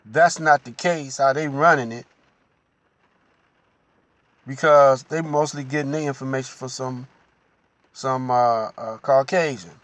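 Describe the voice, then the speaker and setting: A man giving a slow, unhurried religious teaching monologue as the host, pausing often and adding "you know.". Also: medium pitch, fairly even intonation, a bit bright, dry recording.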